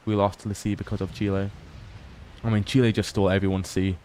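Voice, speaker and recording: A man's voice: fairly low pitch, flat delivery, fast talker, mellow, slight background noise. A tired young man casually chatting on a livestream, reading chat aloud and swearing often. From Scotland. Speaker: livestream host. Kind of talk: casual late-night stream chat.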